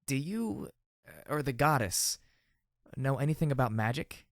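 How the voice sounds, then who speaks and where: A man reading an audiobook, voicing a blunt, scrappy young mare who talks in a halting, questioning, informal way. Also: medium pitch, expressive, dry recording, studio quality, voice pushed up, natural voice. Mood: curious, blunt.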